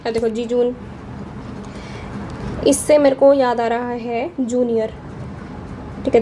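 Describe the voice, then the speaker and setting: A woman's voice: on the high side, mellow, slight background noise. A young woman teaching vocabulary in a casual Hinglish lesson, chatty and often checking in with her students. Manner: chatty, checks in with frequent "theek hai".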